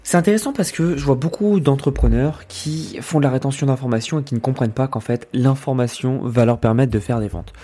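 Man, from France, podcast host, husky, persuasive, direct, talks to the listener. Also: mid-range voice, fairly quick, few pauses, mellow. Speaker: podcast host and business coach. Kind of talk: solo podcast monologue.

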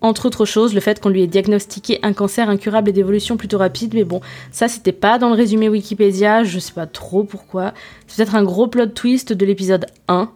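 Mellow-voiced woman podcasting casually. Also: mid-range voice, fairly even intonation, fairly quick. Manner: informal slangy wording, self-deprecating asides, hesitant searching delivery. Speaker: podcast host. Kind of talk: casual, chatty solo podcast review.

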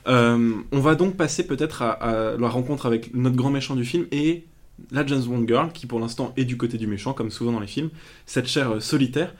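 A man's voice: mid-range voice, normal speed. A man co-hosting a casual film podcast, telling anecdotes with a joking manner and many fillers. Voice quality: storytelling manner with frequent fillers and jokes. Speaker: podcast co-host.

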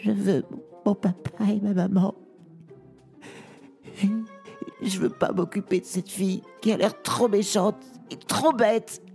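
A man's voice: high-pitched, steady tone, moderate pace, vocal fry, darkish tone, faint music behind, voice pushed up. A man voicing a small, timid young dragon in a storybook tale, talking in a shy, stammering way. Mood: whiny. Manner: stammering, hesitant.

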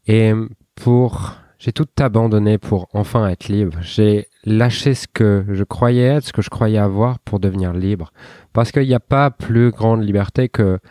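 Low-voiced man with a loose podcast monologue. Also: measured pace, warm tone, no echo, studio quality. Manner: informal, loose, with many restarts and fillers, addressing the listener as tu. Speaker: podcast host. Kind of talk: casual spoken podcast monologue.

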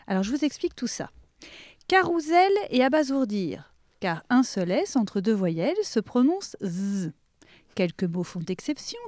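A woman's voice: a little high, darkish tone, dry recording. Young woman doing a jokey pronunciation lesson, voice jumps all over, dry close sound. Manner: playful and teasing, laughs often. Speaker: comic language teacher.

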